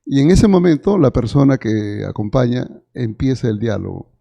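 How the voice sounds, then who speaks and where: Gravelly-voiced man teaching evangelism. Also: mid-range voice, sing-song, moderate pace, mellow, dull audio. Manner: explains step by step, acting out both sides of the dialogue. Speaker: church mission instructor. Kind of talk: teaching a method of door-to-door evangelism.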